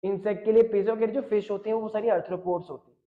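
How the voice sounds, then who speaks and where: This male biology teacher has a high voice, a steady tone, and a fast delivery. He jokes and teases while speaking straight to his students, reading chat questions during an online class lecture over dull, lo-fi stream audio.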